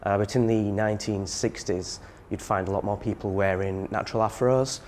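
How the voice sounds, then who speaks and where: A man explains a piece of history thoughtfully, pausing and restarting as he goes. His voice sits low. A faint hiss runs under the recording. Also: fairly even intonation, a little mellow. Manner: thoughtful, halting. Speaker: expert interviewee. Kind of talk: interview soundbite.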